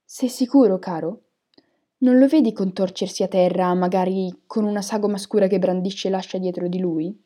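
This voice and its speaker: A woman narrator gives voice to an eccentric divination teacher from a storybook. She coos softly in a warm, mellow tone, then breaks into a hard, loud trance voice. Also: medium pitch, steady tone, moderate pace, lightly acted. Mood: sweet, coaxing. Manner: sweet and hushed, turning harsh and loud in trance. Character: eccentric female divination teacher, misty, theatrical.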